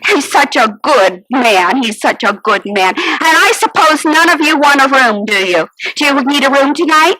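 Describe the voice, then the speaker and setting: A woman's voice: high-pitched, expressive, normal speed, hardly any pauses, sharp tone, low-quality recording. A woman playing a fretful, business-minded innkeeper's wife, telling her story in a theatrical monologue. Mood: kvetching. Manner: kvetching, theatrical, sighing and exclaiming. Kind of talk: first-person character monologue.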